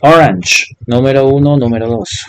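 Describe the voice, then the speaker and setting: A man's voice: mid-range voice, normal speed, clean tone, no room sound. A man teaching an English class in Spanish, patiently explaining and repeating each example step by step. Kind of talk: online class instruction.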